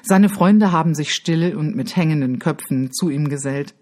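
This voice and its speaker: Husky-voiced woman reading a storybook. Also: deep voice, normal speed, dark tone. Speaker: audiobook narrator. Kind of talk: scripted storybook narration.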